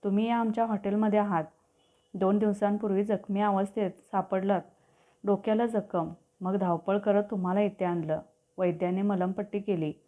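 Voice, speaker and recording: A woman's voice: mid-range voice, fairly even intonation, normal speed, natural voice. Woman doing a deferential young hotel maid. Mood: reassuring. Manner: respectful, coaxing. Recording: tinny phone-like audio.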